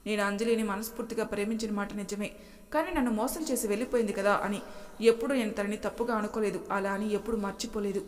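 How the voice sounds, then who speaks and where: A woman's voice: medium pitch, steady tone, fast, natural voice. A woman voicing a troubled young man torn by his past, speaking in an emotional, pleading way. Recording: long hall reverb.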